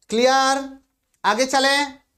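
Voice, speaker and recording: A man's voice: very high voice, vocal fry, a bit bright. A male physics teacher giving a lecture, who asks questions, answers them himself and repeats the key terms. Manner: repeats key terms and says "ठीक है" often. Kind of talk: blackboard lecture in Hindi.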